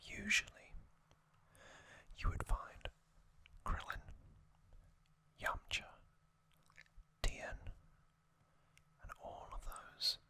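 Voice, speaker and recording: In a breathy, unvoiced whisper, an ASMR host recaps an anime series, speaking in short soft phrases separated by long pauses.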